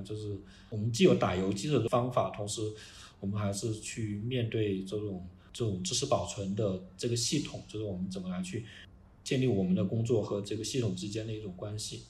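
A man who runs an art organization, talking in a casual podcast and pausing often to restart his thoughts. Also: fairly low pitch, a little mellow. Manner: halting, many restarts and fillers. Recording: roomy with faint noise.

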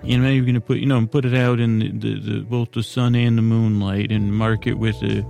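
A podcast host drifts through a bedtime monologue, his low-leaning voice level, creaky and mellow over faint background music. He soothes and lulls while wandering off track, pausing and tripping over words.

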